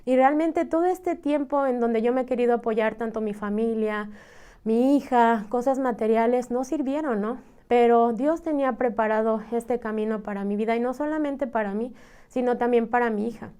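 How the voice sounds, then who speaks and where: A woman's voice: a little high, normal speed, mellow, clear, resonant tone. A woman with a Mexican Spanish accent giving an earnest, emotional personal testimony, often adding "¿no?" and "este" as fillers. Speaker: church member giving testimony.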